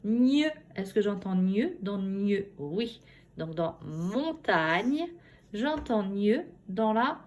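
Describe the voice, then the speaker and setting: A schoolteacher working from her home, giving a phonics lesson to young children and sounding out each syllable slowly and carefully. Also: a little high, darkish tone. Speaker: primary school teacher.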